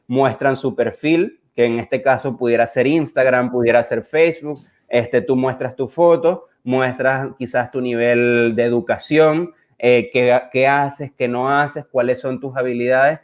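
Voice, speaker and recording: A man's voice: mid-range voice, fairly even intonation, measured pace, hardly any pauses. Hesitant man with a Caribbean Spanish accent. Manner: hesitant, searching for words with repeated phrases. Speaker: visual artist presenting his work. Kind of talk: reflective conversational talk. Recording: dull, lo-fi online audio.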